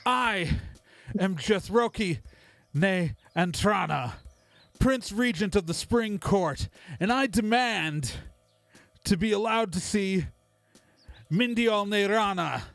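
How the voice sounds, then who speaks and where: A man putting on an imperious fae prince in a tabletop game, voiced a little higher than his usual register and declaiming slowly and formally. He sounds commanding, with soft music playing behind him. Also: animated, vocal fry, dry recording, exaggerated voice. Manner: grand, formal proclamation. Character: haughty male fae prince regent, commanding.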